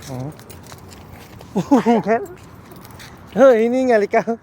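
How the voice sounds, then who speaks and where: A woman's voice: fairly high pitch, sing-song, slow, mellow. A woman filming a toddler outdoors on a phone, coaxing him along in sing-song baby talk mixed with English. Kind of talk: casual family vlog. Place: outdoor park on a hill. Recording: outdoor noise behind.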